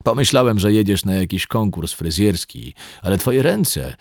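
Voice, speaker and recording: A controlled, quietly threatening man in his forties, read by a male narrator. His voice is very deep and husky, and his delivery is lively despite the calm. The sound is close and dry. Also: normal speed, no room sound, heavily acted. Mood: cool, menacing. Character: 42-year-old man, calm yet menacing. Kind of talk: audiobook reading.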